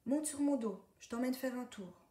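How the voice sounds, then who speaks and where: A woman's voice: a little high, moderate pace, warm tone, voice pushed up, lightly acted. A woman reading a storybook aloud, voicing a naughty little male duckling in a sulky, cheeky way. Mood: eager. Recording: echoey room, distant mic.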